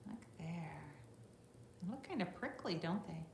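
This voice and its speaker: A middle-aged teacher with a gravelly, darkish, fairly low voice reads a picture book animatedly and a little slowly to young children, inserting teaching asides and little questions. It's recorded indoors in a classroom with roomy echo and faint background noise.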